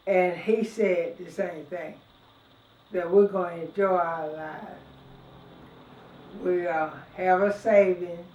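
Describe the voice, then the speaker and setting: A woman of ninety, reminiscing in an interview in a halting way, repeating words as she goes. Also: on the low side, a little mellow. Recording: echoey room, distant muffled mic.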